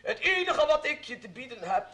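A flustered, bashful baron. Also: male voice, very high-pitched, very animated, a little fast, sharp tone, exaggerated voice. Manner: stammering, flustered comic delivery. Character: bashful lovestruck baron, shy with women. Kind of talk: old radio comedy acting. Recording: old radio play with audience laughter.

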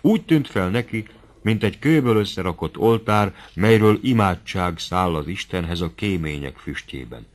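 A man narrating a classic novel as an audiobook in a measured, steady storytelling manner. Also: low voice.

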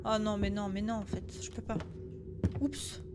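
A woman's voice: medium pitch, flat delivery, moderate pace, loud music behind the voice. A young woman streaming a horror game on a headset mic, jumpy and exclamatory, talking to herself as she plays. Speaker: gaming streamer. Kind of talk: casual live gameplay commentary.

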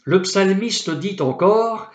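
Slow, deliberate male pastor preaching. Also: high voice, expressive, roomy sound. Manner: slow, deliberate preaching with solemn Bible quotations. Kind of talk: sermon.

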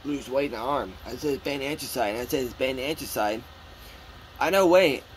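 A man filming a casual home vlog, speaking haltingly and repeating his phrases with many fillers. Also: mid-range voice, a little hiss or hum. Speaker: vlogger. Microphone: phone.

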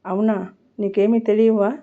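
A man's voice: flat delivery, moderate pace. A woman reading the lines of a ruthless male mafia boss in a storybook reading, with a cold, threatening manner, on a muffled recording. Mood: menacing. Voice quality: deep bass voice.

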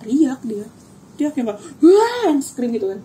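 A young woman casually telling a personal story, acting out the shouts and screams she remembers. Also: on the high side, a little fast, low-quality recording. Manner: animated, acts out her own shouts and screams; casual slangy speech. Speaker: guest telling her experience.

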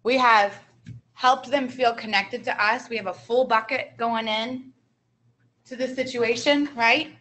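A woman's voice: fairly high pitch, fairly even intonation, a little slow, a bit bright, rough recording. A woman co-presenting a training seminar, explaining behavior strategies in an upbeat way. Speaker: early childhood trainer.

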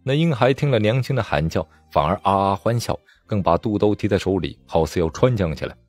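Man reading a novel aloud, low voice, very lively pitch, faint music under. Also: brisk, no echo. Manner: expressive storytelling. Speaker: narrator. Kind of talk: novel audiobook narration.

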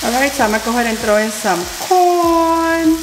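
With a high-pitched, expressive voice at normal speed, a woman in her thirties talks her way casually through a cooking vlog, dropping the occasional Spanish phrase. She's filming in a large home kitchen, and the audio has roomy echo, background music and some background noise.

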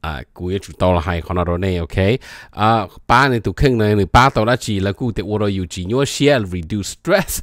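Low-voiced man explaining casually. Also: no echo, studio quality. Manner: reads short English phrases aloud, then explains them at length. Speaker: presenter.

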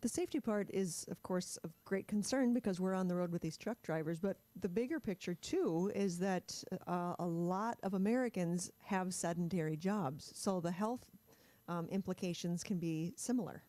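A woman hosting a radio interview in a studio, speaking in an even, composed way. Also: on the low side, moderate pace, dry recording. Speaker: radio host. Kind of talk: interview commentary. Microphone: studio boom mic.

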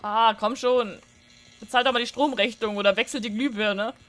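A woman's voice: on the high side, steady tone, normal speed, a bit bright. A woman giving joking, chatty commentary while playing a horror game, talking to viewers at a desk microphone. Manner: chatty, joking, shrieks when startled. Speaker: gaming streamer. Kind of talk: let's play commentary.

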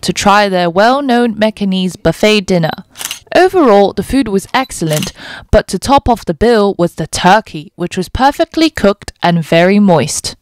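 A young woman giving a scripted, even voice-over for her travel vlog. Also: medium pitch. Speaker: travel vlogger.

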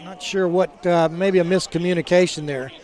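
A man doing live football play-by-play commentary in a halting, conversational way. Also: high-pitched, steady tone, a little mellow. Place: outdoor college football game. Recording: crowd noise behind, outdoor stadium. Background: game crowd.

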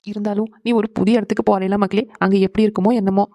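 A woman's voice: mid-range voice, flat delivery, dark tone, no room sound, natural voice. A woman voicing a doting, tearful father in a cartoon, fussing over his daughter. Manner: fast, fussing and emotional. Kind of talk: cartoon voice acting.

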